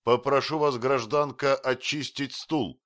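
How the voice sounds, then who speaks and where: A man's voice: low voice, expressive, unhurried, a bit bright, no room sound, studio quality. A man voicing a brusque, confident swindler who speaks in curt, official commands. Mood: stern.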